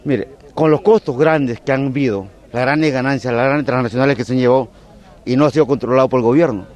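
A man's voice: medium pitch, fast, a little mellow. A man from Peru with a Peruvian accent, critical and speaking at length in a street interview. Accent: Peruvian Spanish. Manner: critical, speaks in long complaining sentences. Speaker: person in line interviewed.

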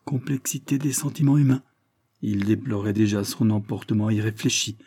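A man's voice: on the low side, normal speed, mellow, breathy edge, dry recording, studio quality. A man reading a novel aloud with theatrical, emphatic phrasing. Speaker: audiobook reader. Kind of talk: expressive novel narration.

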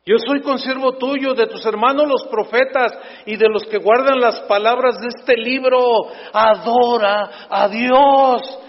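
A man with a Mexican accent voicing a stern male angel who loudly rebukes a kneeling man. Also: extremely high pitch, fairly even intonation, takes it slowly, few pauses, voice pushed up. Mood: exasperated. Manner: loud, emphatic scolding. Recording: echoey dull hall sound.

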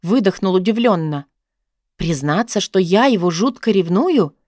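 A woman's voice: medium pitch, animated, normal speed, no room sound, studio quality. Woman narrating a first-person audiobook. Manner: sharp, sarcastic.

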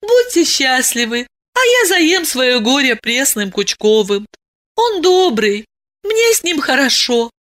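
A worldly grown woman speaks in calm, soothing tones with a faint irony , as a woman reading the story puts her on. Her voice is high and bright and moves a good deal, and the delivery is unhurried. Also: full character voice. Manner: calm, soothing, slightly ironic.

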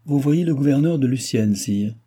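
A man's voice: mid-range voice, expressive, normal speed, dark tone, breathy edge, pitched above the performer's own voice. A man doing a wheedling court countess. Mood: coaxing. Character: coaxing scheming court countess, woman, playful.

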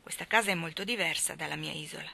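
A woman's voice: sits low, quick pace, creaky, sharp tone, heavily acted. A woman reading the lines of a big, strong young sailor who talks in an eager, earnest, storytelling way.

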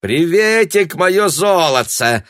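A man's voice: low-pitched, animated, normal speed, fairly bright tone, no room sound, studio quality. A man doing a fussy chirpy shopkeeper. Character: fussy chatty shop owner, man.

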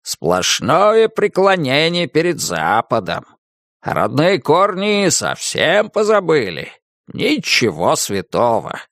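A fussy, bearded old house spirit, voiced by a male reader, scolds and grumbles with a lively, rising and falling voice. He sounds reproachful and old-fashioned. The recording is close and dry. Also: fairly high pitch, takes it slowly, dry recording, exaggerated voice. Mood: grumbling. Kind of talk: audiobook character voice.

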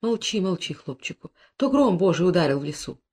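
A woman reading an audiobook, voicing a grieving young peasant wife who speaks softly and tearfully, hushing a child. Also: mid-range voice, a little fast, breathy edge, lightly acted. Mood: hushed lulling. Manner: soft, tearful, lulling.

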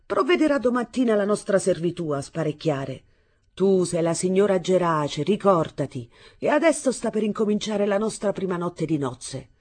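A woman reading aloud voices a brash young husband who mocks and threatens his bride in loud bursts. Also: medium pitch, animated, normal speed, pitched above the performer's own voice, natural voice. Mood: mocking. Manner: mocking, menacing, loud bursts.

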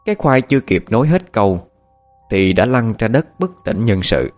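A man narrating a ghost story as an audiobook, in an expressive, measured storytelling manner. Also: lowish voice, soft background music.

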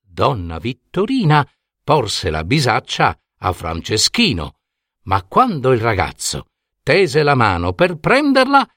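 A man with an Italian accent narrating a fairy tale in an expressive scripted reading. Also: medium pitch, no room sound, studio quality. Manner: expressive, unhurried. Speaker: storyteller.

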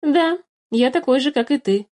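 A woman voicing a hot-tempered young boy who accuses and argues loudly. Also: high-pitched, animated, moderate pace, voice pushed up. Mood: hesitant, stubborn. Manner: loud, indignant, accusing.

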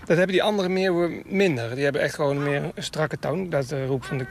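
Guy with a fairly high voice chatting outdoors about nature, keen, bit of background noise. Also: fairly quick, creaky. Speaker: bird enthusiast explaining gull calls. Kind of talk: casual outdoor radio chat. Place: outdoors, near water in a town. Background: gulls calling.

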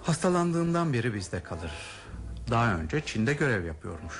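In a 1970s radio drama with music underneath, a man plays a courteous, worried older aristocrat whose speech is formal and hesitant. His voice is mid-range and sing-song, moving at a moderate pace.

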